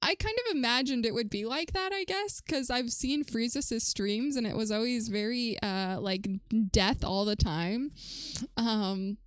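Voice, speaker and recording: A woman live-streaming a game from home, chatting casually and rambling, prone to shrill startled shrieks. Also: unhurried, clear, resonant tone, dry recording, studio quality. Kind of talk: casual live-stream chat while gaming.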